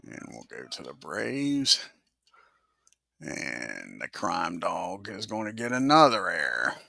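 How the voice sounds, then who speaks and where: Brief: male host, low and gravelly, bright cutting tone, unhurried play-by-play for a simulated ball game, mutters to himself over the software. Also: wildly swooping pitch, dry recording. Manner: talks to himself while working the game software; swears under his breath when the software fights him. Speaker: host of a baseball simulation channel.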